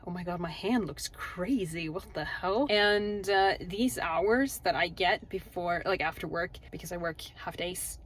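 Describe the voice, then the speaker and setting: A woman's voice: lowish voice, measured pace, hardly any pauses, slight background noise. A young woman vlogging casually about her day, chatty and candid with small laughs, tired and a little out of breath. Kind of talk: casual vlog chat.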